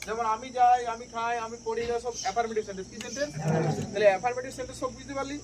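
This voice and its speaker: Man, very high voice, English teacher, classroom drill, constant check questions, loud crickets behind. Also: steady tone, very fast, recorded from a distance. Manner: mixes English examples into Bengali speech; casual familiar address to students. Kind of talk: classroom grammar lesson. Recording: loud background noise with insects.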